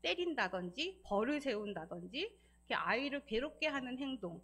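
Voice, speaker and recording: Lively high-voiced woman giving a church lecture. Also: a little fast, husky. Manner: explanatory, asks the audience questions and acts out parents scolding. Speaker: church lecturer on child abuse.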